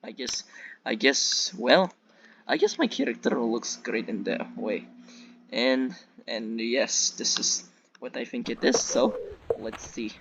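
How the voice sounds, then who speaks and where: This Russian YouTube reviewer speaks slowly but with animation, his mid-range voice set against a noisy background. He rambles casually about the gameplay in a Russian accent and repeats himself frequently. His mic is dull and lo-fi, and music plays behind him.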